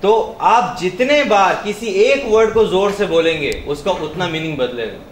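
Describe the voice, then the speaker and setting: A man's voice: sits high, lively intonation, normal speed. A male trainer running an interactive workshop, stressing words emphatically, quizzing his audience and mixing in English. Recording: echoey room, far from the mic, faint noise.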